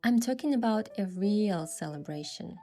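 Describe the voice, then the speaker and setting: Over music, a woman narrates a game event story in the first person as its lead character, performing scripted dialogue too. Her mid-range voice has lively intonation, a moderate pace, and a dark tone.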